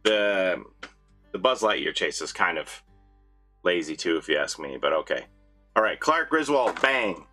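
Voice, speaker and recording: A man who vlogs about collecting toys, chatting casually as he unboxes, swinging between excited highs and low muttered asides. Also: measured pace, faint music behind. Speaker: toy collector vlogger.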